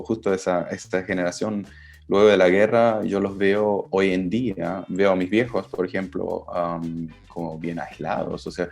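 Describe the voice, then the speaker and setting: Deep-voiced German man, Spanish second tongue. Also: a little mellow. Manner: thoughtful, hesitant with fillers. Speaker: podcast guest. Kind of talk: casual conversation.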